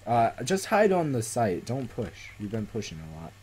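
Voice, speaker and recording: A man hosting casual gameplay commentary, excitable and quick to panic as he plays. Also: medium pitch, husky. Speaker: gaming channel host.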